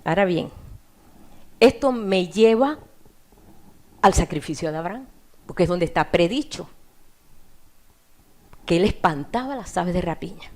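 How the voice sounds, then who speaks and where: A woman's voice: fairly low pitch, expressive, measured pace, long pauses, darkish tone. A woman preacher delivering an impassioned sermon, often addressing her listeners directly as brother.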